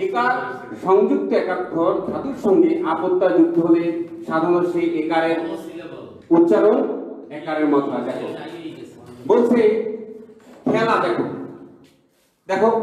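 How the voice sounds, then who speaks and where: A man's voice: sits high, darkish tone. Male college lecturer, patient step-by-step explainer, heavy room echo. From Bangladesh. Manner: repetitive, explains step by step with questions. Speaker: college teacher. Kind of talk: online class lecture. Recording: very echoey room.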